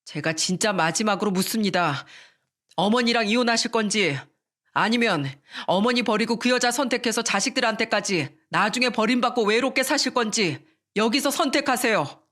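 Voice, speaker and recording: A woman's voice: on the high side, moderate pace, fairly bright tone. A woman voicing a hot-tempered younger son who bluntly confronts his father in a radio story. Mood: defiant accusation. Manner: accusing, blunt, insistent.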